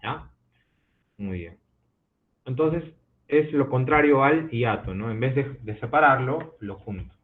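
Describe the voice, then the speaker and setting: A male literature teacher giving an online class, explaining step by step and checking understanding with quick questions. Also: medium pitch, animated. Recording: tinny phone-like audio from an online call.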